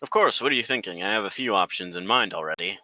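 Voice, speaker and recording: A hearty, burly mansion cook, as a male game master puts him on in a tabletop game, jovial and booming. The voice is low and forceful with a bright edge. It is recorded dry and close. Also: quick pace, no room sound, low-quality recording.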